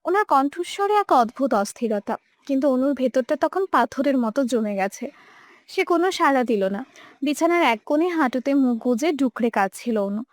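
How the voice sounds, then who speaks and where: A woman's voice: high voice, expressive, normal speed, no echo. A young woman narrating a romantic audio story with emotive, dramatic delivery. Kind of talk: scripted narration.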